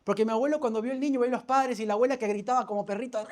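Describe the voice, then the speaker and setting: A man's voice: very high voice, fairly even intonation, rapid-fire. A man, a pastor preaching a sermon. He tells a personal story, calls for amens and often restarts his phrases. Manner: storytelling, calls for amen, self-correcting restarts.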